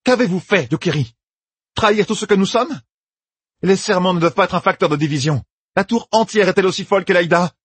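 A man voicing a defiant, sharp-tongued young woman held prisoner, with indignant questions. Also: high-pitched, brisk, breathy edge, no echo, pitched above the performer's own voice.

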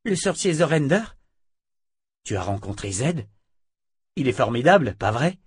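A man's voice: medium pitch, big pitch swings, a little slow, slightly rough, no room sound, clean studio sound, pitched above the performer's own voice, full character voice. A man voicing an eager, curious young woman who asks blunt questions.

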